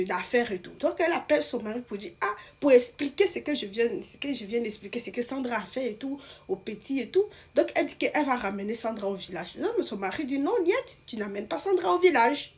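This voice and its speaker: A woman with a fairly high voice narrates a dramatic story in an animated, casual manner. She keeps piling up repeated asides as she talks.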